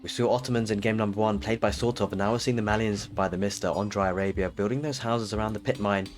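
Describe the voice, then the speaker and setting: A man giving steady play-by-play commentary on a strategy game match, explaining moves as they happen with frequent fillers. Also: on the low side, fast, soft background music. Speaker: esports caster.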